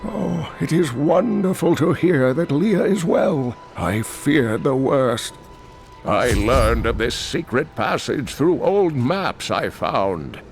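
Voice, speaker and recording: A man playing an elderly scholar uncle in a fantasy video game, kindly, earnest and portentous, with a creaky older voice. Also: medium pitch, animated, slow pace. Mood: earnest, relieved. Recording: game music behind.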